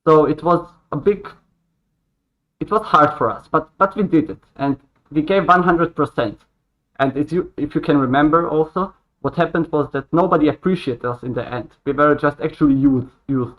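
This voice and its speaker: A man in his late twenties from Croatia, a podcast guest, talking earnestly in a halting way with many restarts. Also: on the high side. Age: 20s. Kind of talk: casual conversation. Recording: dull lo-fi sound.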